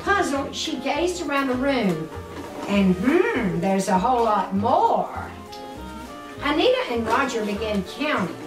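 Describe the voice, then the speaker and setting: Very animated yet measured in pace, an older woman with a fairly high voice reads a storybook to a young child, slipping in little explanatory asides. Her grandmotherly reading is picked up by a distant mic in a roomy space, with music behind.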